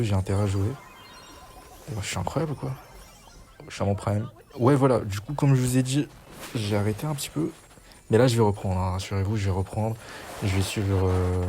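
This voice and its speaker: A young man chatters through a match, slangy and quick to poke fun at himself. His voice sits low with a dark, soft tone. A faint noise floor runs under the recording. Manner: self-mocking, chatty, slangy. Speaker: gaming YouTuber. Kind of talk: casual gameplay commentary.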